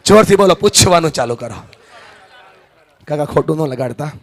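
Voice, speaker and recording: A male motivational speaker holding a handheld mic, talking live to an audience and switching between loud rousing calls and soft, confiding storytelling. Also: fairly high pitch, animated, moderate pace, vocal fry, no echo. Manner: swings from loud rousing calls to soft confiding talk, leads crowd chants. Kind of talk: live motivational speech to a crowd.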